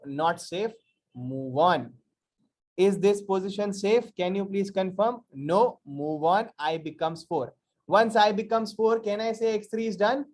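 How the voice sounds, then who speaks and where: High-pitched North Indian man teaching, emphatic. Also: a little mellow. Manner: emphatic, repetitive, quizzing listeners with rhetorical questions. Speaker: programming teacher. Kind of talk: interactive live coding lecture.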